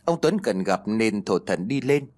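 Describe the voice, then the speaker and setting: A male storyteller reading a ghost story in a plain, steady way. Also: fairly low pitch, a little slow. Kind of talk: scripted horror story narration.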